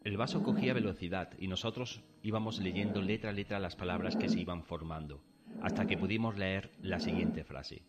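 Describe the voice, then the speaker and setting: A man from Spain narrating a first-person horror story in a measured, solemn way. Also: low-pitched, steady tone. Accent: Spanish from Spain. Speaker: narrator and protagonist. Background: faint background music.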